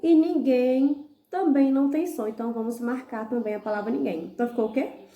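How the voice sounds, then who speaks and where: A woman with a Brazilian accent teaching young children. She corrects homework slowly and patiently, spelling out syllables letter by letter and often checking in with "tá bom?". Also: sits high, roomy sound, muffled recording. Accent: Brazilian Portuguese. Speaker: primary school teacher. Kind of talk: recorded lesson, correcting homework.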